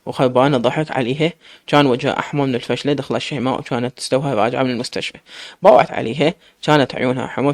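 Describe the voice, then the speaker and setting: A man's voice: medium pitch, no echo, studio quality. A man with an Iraqi accent reading a serialized story aloud as storyteller. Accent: Iraqi Arabic.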